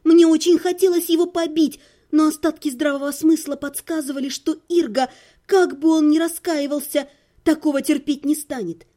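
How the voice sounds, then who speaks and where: A woman with a high voice reads a first-person audiobook. Her narration is even and expressive, in a storytelling style. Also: normal speed.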